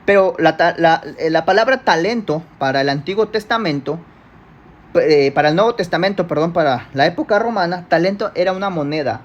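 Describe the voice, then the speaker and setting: A man's voice: on the high side, lively intonation, brisk, dull audio. Mexican man teaching a Bible lesson. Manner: conversational, checks in with listeners, self-correcting. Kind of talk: church Bible lesson with slides.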